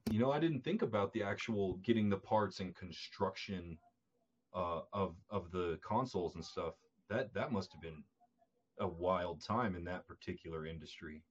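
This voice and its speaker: Man, author co-host, very deep voice, thoughtful and hesitant, dull lo-fi audio. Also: moderate pace, slightly rough. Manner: thoughtful, hesitant, repeats words. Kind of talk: casual chat. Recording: dull lo-fi sound.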